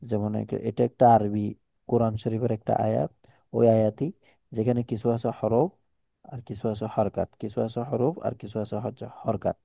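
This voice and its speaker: A man's voice: fairly low pitch, fairly even intonation, moderate pace, gravelly, dark tone, slightly rough, dry recording. A man with a Chittagong Bengali accent teaching Quran letters one on one, explaining patiently with repetition and examples.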